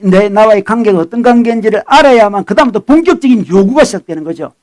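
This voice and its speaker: High-voiced animated Korean pastor preaching. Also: male voice. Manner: animated, conversational preaching with sudden loud and soft swings; acts out dialogue with his son. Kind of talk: sermon.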